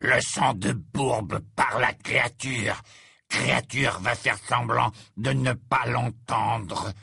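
A bitter old house-elf, croaking out each word slowly through heavy gravel. The voice is rough and strained, with a sharp, pinched edge. It sneers with grovelling resentment. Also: male voice, mid-range voice, fairly even intonation, no echo, clean studio sound, heavily acted. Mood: resentful. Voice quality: croaking, raspy. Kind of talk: audiobook character voice.

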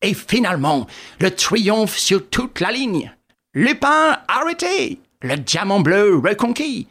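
A man's voice: high voice, sing-song, takes it slowly, a bit bright, voice pushed up, exaggerated voice. A man reading an audiobook, voicing a self-satisfied English detective who talks in a hearty, bossy way. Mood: jovial.

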